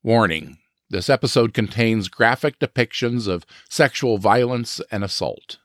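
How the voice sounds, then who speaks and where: A man's voice: on the low side, measured pace, no echo, clean studio sound. A man hosting a podcast, reading a scripted true crime narration.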